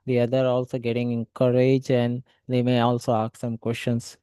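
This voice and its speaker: Male trainer, mellow dark voice, explains patiently, dry close sound. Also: medium pitch, monotone, normal speed, smooth, dry recording. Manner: explanatory, repeats okay so. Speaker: cybersecurity trainer. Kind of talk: online lecture.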